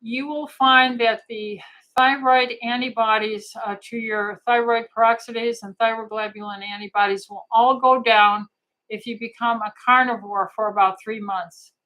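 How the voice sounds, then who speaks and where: A woman's voice: fairly high pitch, steady tone, normal speed, bright, forceful tone, poor audio. A middle-aged woman physician answering viewer questions on a live stream, talking in a casual, hesitant way with many fillers, restarts and heartfelt asides.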